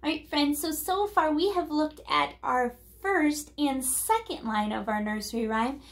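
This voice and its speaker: Slow, high-voiced woman teaching small children. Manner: cheerful, addresses kids as friends, speaks words slowly one by one. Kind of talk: children's lesson, slow rhyme recitation.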